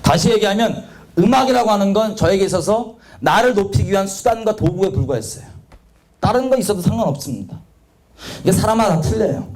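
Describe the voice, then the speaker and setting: A young man preaching a sermon, telling his own story in a confessional, animated way and acting out quotes. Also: high-pitched, fairly quick.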